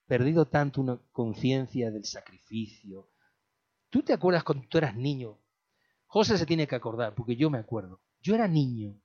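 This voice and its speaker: Brief: male preacher with a high voice, repeats his points, folksy jokes, muffled lo-fi sound. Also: fairly bright tone. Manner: repetitive, calls listeners "beloved", jokey asides. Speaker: pastor. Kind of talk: sermon. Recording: dull lo-fi recording.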